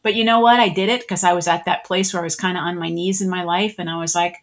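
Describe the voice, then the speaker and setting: A woman's voice: fairly low pitch, fairly even intonation, quick pace. A middle-aged woman, a spiritual energy worker, telling her life story in a casual interview and acting out her own past thoughts.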